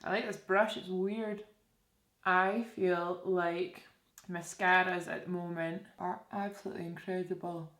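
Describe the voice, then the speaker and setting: This beauty vlogger from Scotland talks her viewers through a makeup tutorial in a casual, conversational way, regularly posing questions to them. She's a young woman with a Scottish accent whose voice sits on the low side, steady and measured, with a slightly bright quality, captured in an echoey indoor room.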